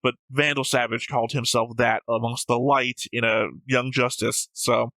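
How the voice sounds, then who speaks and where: In casual discussion on his reaction show, a man reads out viewer comments, rambling argumentatively and repeatedly correcting himself. His medium-pitched voice is pushed and bright, with a level tone and moderate pace. The low-quality recording has no room sound.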